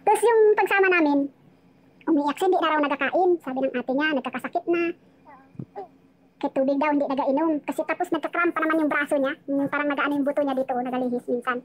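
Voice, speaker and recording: A woman's voice: sits high, steady tone, quick pace. A woman casually telling her life story on a live chat, rambling and emotional, often restarting her sentences.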